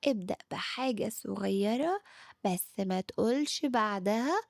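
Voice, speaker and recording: A woman with an Egyptian Arabic accent voicing Time itself as a calm, wise figure that gently scolds a child. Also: mid-range voice, normal speed, creaky, dry recording, clean studio sound.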